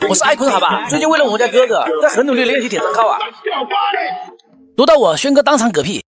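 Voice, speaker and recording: A high-pitched man hosts a gaming video, reading out fan comments in a joking, exclamatory way. His delivery is quick and very animated, peppered with Chinese internet slang. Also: over loud music.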